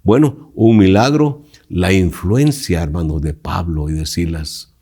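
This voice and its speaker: Emphatic low-voiced pastor. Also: male voice, a little slow, warm tone, breathy edge. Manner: emphatic, preacherly, asks listeners direct questions. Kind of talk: bible study lesson.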